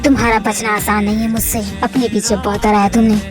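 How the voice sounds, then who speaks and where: A woman's voice: mid-range voice, level tone, a little fast, over music, natural voice, rough recording. A woman voicing an obsessive, possessive young mafia husband in a fan-fiction audio drama, pleading one moment and lashing out the next. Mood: coaxing. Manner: pleading and possessive, swings to angry outbursts.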